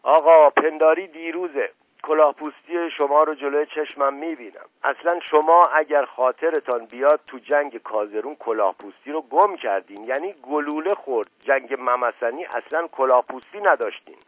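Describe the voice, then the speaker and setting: A man's voice: on the high side, dry recording, voice pushed up, lightly acted. A man putting on an old servant, meek yet stubborn. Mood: insistent. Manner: humble, timid, yet insistent. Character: older male servant, deferential but stubborn. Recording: dry, narrow phone-like sound.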